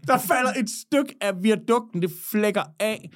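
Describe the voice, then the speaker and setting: A man from Jutland, a podcast guest, telling stories in casual chat and swearing freely. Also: high voice. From Jutland, Denmark. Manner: animated storyteller, swears freely.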